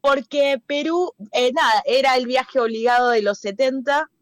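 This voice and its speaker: Witty poet on the phone. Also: female voice, high-pitched, normal speed, no echo, clean studio sound. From Peru, raised in Argentina. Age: 40s. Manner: humorous, relaxed. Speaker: poet, interview guest. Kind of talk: casual interview over the phone. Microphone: phone call over a messaging app.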